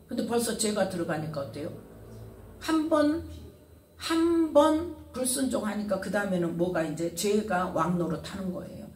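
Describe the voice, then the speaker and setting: A woman pastor delivers a sermon, peppering her listeners with rhetorical questions and swinging her voice between loud and hushed. She sounds set back from the microphone in a reverberant sanctuary. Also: medium pitch, expressive, moderate pace, a little hiss or hum. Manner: fires rhetorical questions at the congregation, dramatic swings in loudness. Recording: roomy sound from a distant mic.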